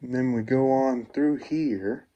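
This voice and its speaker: A young man narrating a casual exploring vlog walk-through in an unhurried, musing, plain-spoken way. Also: mid-range voice, mellow, dull audio. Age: 20s or younger.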